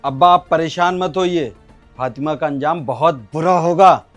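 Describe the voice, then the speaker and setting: An actor playing a hotheaded loyal son who speaks with eager, threatening resolve. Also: male voice, fairly high pitch, moderate pace, faint music behind, natural voice. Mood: menacing. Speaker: actor in a short drama. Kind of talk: Hindi short-film acting.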